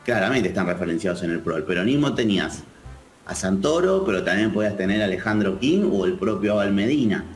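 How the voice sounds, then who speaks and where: A man with an Argentine accent, a political analyst answering interview questions in a measured, thoughtful way. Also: lowish voice, animated, echoey room, soft background music. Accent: Argentine Spanish. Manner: measured, thoughtful, with frequent restarts.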